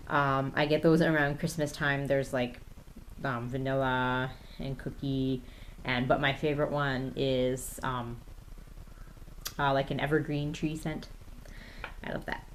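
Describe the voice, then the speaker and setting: A woman's voice: rumbling low, level tone, a little slow, slight background noise. A woman in her thirties chatting casually through a tag video, hesitant and full of ums as she reads questions off her phone. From Canada. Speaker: YouTube vlogger.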